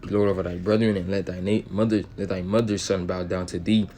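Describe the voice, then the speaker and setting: A man's voice: low voice, little pitch movement, fast talker, dark tone, a little hiss or hum. A man reading old-fashioned scripture aloud and explaining it in loose, slangy talk with swearing. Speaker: Bible teacher. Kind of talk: casual Bible study reading.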